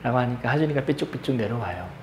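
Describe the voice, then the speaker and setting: A man's voice: medium pitch, expressive, fast, noisy background. Male pastor, 30s, sermon storyteller; plain mid voice, roomy church reverb. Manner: storytelling, acts out quoted voices softly and loudly. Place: church sanctuary.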